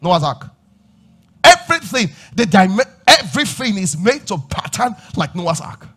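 A man preaching a sermon on a church stage, asking the crowd questions and rising to shouts as he moves about. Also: high-pitched, sing-song, moderate pace. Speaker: pastor. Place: large church stage with audience.

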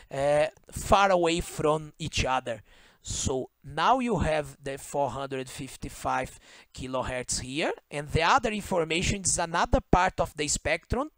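A Brazilian man whose first language is Portuguese walks through a circuit diagram in English as an electronics instructor, recorded as voice-over on a screen share. His fairly high voice comes through with no echo, and he speaks haltingly, often pausing, correcting himself and asking "okay?"

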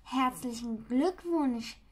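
A woman voicing a mild-mannered grown man, gentle and often puzzled, while reading a children's book aloud. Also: high voice, slow.

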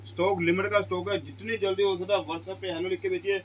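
A middle-aged man pitching goods in a small clothing shop, asking each price aloud and answering it with exclamations. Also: flat delivery, fast talker, a little hiss or hum, rough recording. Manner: repeats prices as questions, exclaims "wah ji wah". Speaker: shop seller. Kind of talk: sales pitch.

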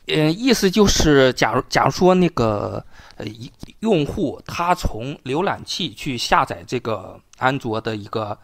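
A man's voice: medium pitch, sing-song, a little slow, creaky. A man who works as a programmer, calling into a livestream and explaining something hesitantly with many fillers. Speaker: caller, programmer. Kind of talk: casual explanation on a call.

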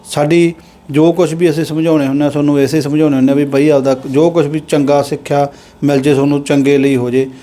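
A young man with a Punjabi accent speaks in a somewhat high, mellow voice. He talks earnestly as an interview host, lecturing in long, drawn-out phrases. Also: flat delivery. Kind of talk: casual street interview and commentary.

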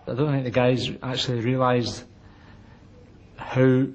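A man's voice: medium pitch, level tone, unhurried, a little mellow. A man speaking earnestly in an interview, indignant at what he recalls. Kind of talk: interview recollection.

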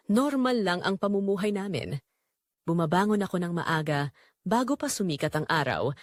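In an audio drama, a woman plays a poor, devoted mother, narrating in the first person from a script. Her medium-pitched voice rises and falls expressively as she confides in measured, earnest phrases, weighed down by guilt. The recording is dry and close, with no echo.

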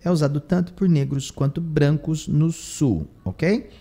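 A man's voice: fairly high pitch, measured pace, dark tone. A man with a Brazilian Portuguese accent teaching English, translating phrases line by line and repeating words for emphasis. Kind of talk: bilingual lesson explaining English.

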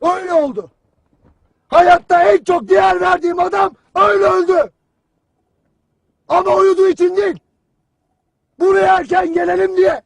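Harsh drill-hall commander in a film trailer, high-pitched and barking, cold taunting edge. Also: male voice, fairly even intonation, moderate pace, vocal fry, pauses often. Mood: grim lecture. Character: stern hard-bitten army commander drilling his soldiers. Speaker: army commander.

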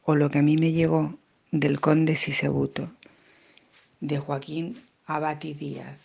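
A woman's voice: low voice, flat delivery, measured pace, gravelly, darkish tone, slightly rough, muffled recording. A woman storyteller reciting a comic verse tale with a playful, rhythmic delivery. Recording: music playing behind the voice.

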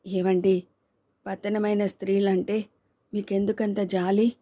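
A gentle, guilt-ridden young wife in a storybook reading, soft and pleading in a mellow, level voice, as a woman reader puts her on. Her lines keep a narrow, even pitch with little lift. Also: slow pace, no echo. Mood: remorseful.

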